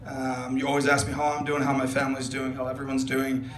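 In a mid-range voice with completely flat delivery, a young man briskly gives his best man's toast on a handheld mic. It's a rambling, joking speech packed with fillers, recorded in an echoey large wedding tent with loud room noise and guest laughter.

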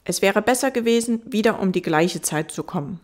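A woman's voice: mid-range voice, expressive, fairly quick, a little mellow, pitched above the performer's own voice, lightly acted. The fox, read by a woman. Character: gentle wise fox, patient and wistful.

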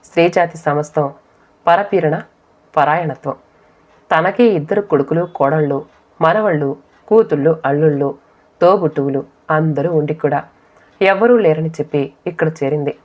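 A woman narrating a story audiobook in a steady, measured reading. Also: deep voice. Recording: dull lo-fi audio.

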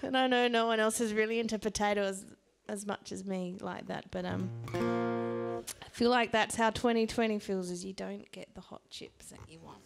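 A woman's voice: medium pitch, fairly even intonation, normal speed, creaky, loud music behind the voice. A woman in her thirties with an Australian accent, chatting casually and self-deprecatingly between songs on a small barn stage, into a stand mic. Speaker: singer-songwriter. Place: small rustic barn venue with a live audience. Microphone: vocal mic on a stand.

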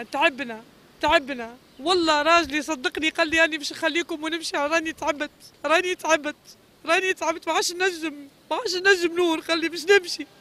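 A woman's voice: extremely high pitch, a bit bright. A middle-aged woman with a Tunisian Arabic accent giving a pleading street interview, repeating her phrases over and over. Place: street outdoors.

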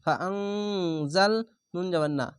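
A man teaching Quran reading in a slightly high voice, spelling each syllable patiently and methodically. He speaks at a very unhurried pace, and his voice sounds dry, with no room echo. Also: steady tone, fairly bright tone, clear, resonant tone.

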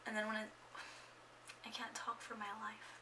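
A woman's voice: medium pitch, monotone, normal speed, pushed and bright, far from the mic, slight background noise, rough recording. A young woman in her twenties chatting casually in a get-to-know-me vlog at home, rambling and a bit awkward, full of fillers. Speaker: vlogger. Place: at home indoors. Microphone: camera microphone.

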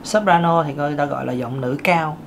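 A man's voice: fast, gravelly, fairly bright tone, a little hiss or hum. A man with a thin, light voice, giving a casual singing lesson, chatty with many fillers. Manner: chatty, with many fillers and sudden pitch jumps. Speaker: singing teacher.

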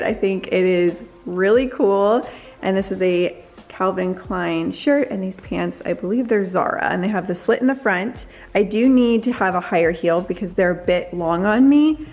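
Upbeat woman vlogging at home. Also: mid-range voice. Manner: upbeat, gushing, chatty. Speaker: lifestyle vlogger. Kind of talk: casual vlog try-on chat. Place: bright living room at home. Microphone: camera in hand and mirror selfies.

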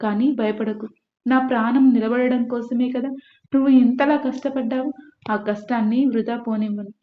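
A woman's voice: on the high side, fairly even intonation, moderate pace, natural voice. A woman reading the part of a sorrowful, resigned young pregnant woman. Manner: sad, quiet resignation. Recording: echoey room, dull lo-fi.

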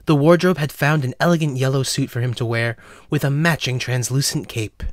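A man with a middle-pitched voice narrates a scripted story for an audio drama at a brisk pace. The recording is close and dry, with no echo.

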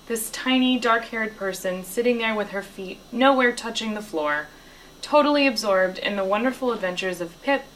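A woman reading a children's novel aloud, telling the story in a lively way and raising her voice for the characters' lines. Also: slight background noise, rough recording. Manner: lively storytelling, lifting her pitch for dialogue. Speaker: reader.

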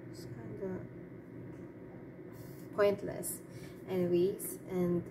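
A woman talks slowly and casually in a fairly low voice, thinking aloud as she gives her opinions. She rambles and hesitates, with noticeable noise in the recording. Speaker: artist giving opinions. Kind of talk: casual off-the-cuff opinion monologue. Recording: clearly noisy background.

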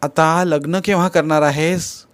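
A man's voice: a little high, steady tone, unhurried, clear, resonant tone, no room sound, voice pushed up, close to an everyday voice. A man voicing an aging mother who nags her son insistently in a raised voice. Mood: asking. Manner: nagging, insistent. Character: aging mother, anxious for her son's marriage.

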